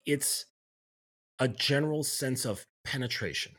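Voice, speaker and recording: A man's voice: mid-range voice, a little slow, a bit bright, husky. A man talking as a guest on a podcast, reflective, often checking in with the listener as he makes his points. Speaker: guest, men's coach. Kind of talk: podcast conversation.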